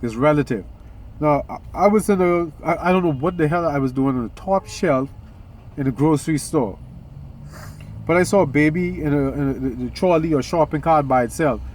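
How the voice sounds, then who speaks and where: A man's voice: a little high, moderate pace, darkish tone, slight background noise. A man hosting a casual spiritual vlog, talking in a rambling way with many restarts and occasional yawns. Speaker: vlog host.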